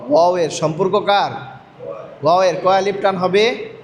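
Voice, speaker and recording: A man teaches a reading class, his voice sitting high for a man. He drills his learner patiently, asking each question again and again. A faint hum of the room sits under his voice. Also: fairly even intonation, normal speed. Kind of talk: call-and-response reading lesson.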